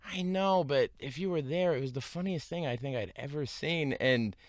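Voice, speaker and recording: A man guesting on a podcast, telling an animated anecdote about his days as a production assistant and often breaking into laughter. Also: mid-range voice, normal speed, no echo, clean studio sound. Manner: animated storyteller, bursts into laughter.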